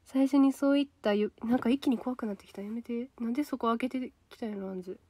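Reacting aloud to viewer comments, a young Kansai-accented idol trainee hosts her solo livestream in a casual, chatty way. She's a fast talker with a mellow, slightly high voice, and there's no room sound.

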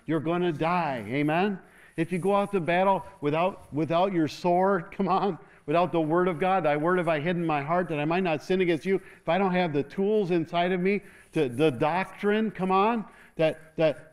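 A middle-aged man preaching a sermon from a church stage, animated and constantly calling for an "amen" from the congregation. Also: high-pitched, normal speed, clean tone. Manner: animated, moves about the stage, call-and-response asking "amen". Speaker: pastor. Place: large church stage, indoors.

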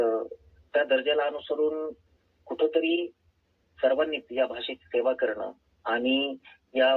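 A man calling in to a radio phone-in program as an author and poet, speaking over a phone line in a measured, earnest way. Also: medium pitch, breathy edge. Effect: heard over a phone line. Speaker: author and poet, guest caller. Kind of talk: phone-in interview answers.

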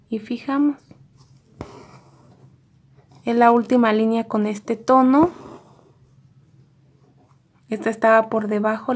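A woman teaching embroidery step by step in a calm, methodical way. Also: fairly high pitch, slightly rough. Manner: calm, methodical, repeating each stitch step. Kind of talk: step-by-step craft tutorial.

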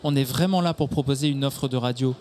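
At an exhibition studio stand at a motor show, a French-accented executive in his thirties gives articulate explanations during a promotional interview. His voice is medium-pitched, quick, and a little mellow, picked up on a handheld microphone with clear background ambience noise.

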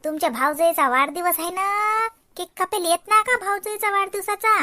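A woman's voice: very high-pitched, normal speed, sharp tone, no echo. A woman playing a fussy, chattering young wife with a Varhadi Marathi accent in a cartoon.

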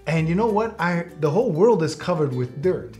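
A man's voice: fairly high pitch, lively intonation, normal speed, darkish tone, soft background music. A man in his forties explaining things encouragingly, as the father in a scripted children's sketch. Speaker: father and mediator in children's show. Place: studio, seated at a table.

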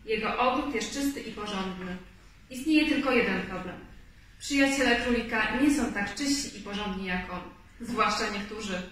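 A woman reading a children's story aloud in a clear, expressive way. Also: medium pitch, moderate pace. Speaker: storybook reader. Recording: echoey room, far mic.

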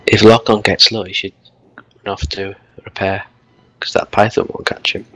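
A man's voice: on the low side, flat delivery, normal speed, bright, forceful tone, rough recording. A man making impatient, tactical remarks in casual voice chat during an online game. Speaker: gamer in voice chat.

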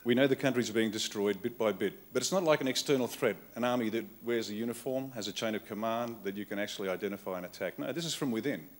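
A man's voice: on the low side, quick pace, hardly any pauses. An Australian man giving a political keynote speech at a conference, blunt and wry in short punchy phrases. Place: conference hall with live audience.

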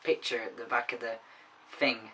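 Bright-toned guy rambling jokingly. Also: medium pitch, steady tone, moderate pace, distant mic, a little hiss or hum, rough recording. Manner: silly, rambling, jokey. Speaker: vlogger. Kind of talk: casual comedic chat.

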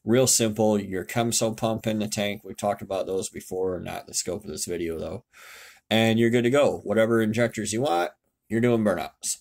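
Blunt casual man with a low voice. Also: normal speed, gravelly, a little mellow. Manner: blunt, casual, mild swearing, self-correcting. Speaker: car tech YouTuber explaining fuel systems. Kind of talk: casual screen-share tutorial voice-over. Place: home, indoors.

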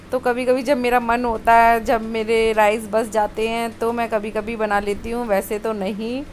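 A woman's voice: fairly high pitch, slight background noise. A woman vlogger chatting casually over home video of her kitchen, homely storytelling with many fillers.

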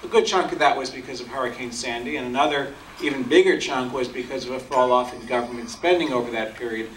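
A man's voice: mid-range voice, fast talker, a bit bright, slight background noise. A middle-aged man giving a business presentation on the economy from a podium, explaining charts in a plain way with frequent ums. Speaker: bank economist speaker. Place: large function hall at a podium. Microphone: podium mic, filmed from the audience. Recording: echoey hall, distant from the camera.

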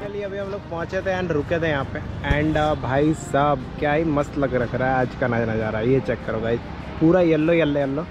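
A man's voice: a little high, normal speed, lo-fi sound, loud music behind the voice. A young man chatting casually as he rides a motorbike, mixing English words into his talk and laughing often, recorded on a helmet mic. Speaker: motovlogger. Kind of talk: casual motovlog chat while riding. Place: outdoors on a road, riding a motorbike. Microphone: helmet-mounted mic. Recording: wind and traffic noise on a road. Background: traffic and wind.

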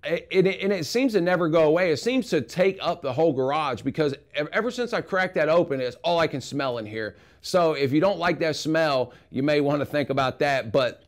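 A man's voice: on the high side, a little fast, few pauses. Casual man reviewing tools in his garage. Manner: relaxed, rambling, frank opinions. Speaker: tool reviewer. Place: home garage.

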